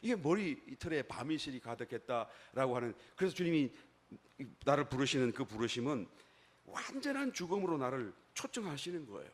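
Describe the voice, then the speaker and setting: A man preaching a sermon as a pastor, asking the congregation rhetorical questions and swinging between emphatic peaks and quiet low passages. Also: very animated, fairly quick. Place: church.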